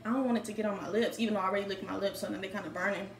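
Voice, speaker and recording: A woman's voice: medium pitch, fairly even intonation, rapid-fire, crowd noise. A young woman hosting her vlog, chatting casually and teasing her roommate through a spicy food challenge. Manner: playful, teasing, laughs often. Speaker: vlogger, channel host. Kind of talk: casual chat. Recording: echoey room, mic at a distance.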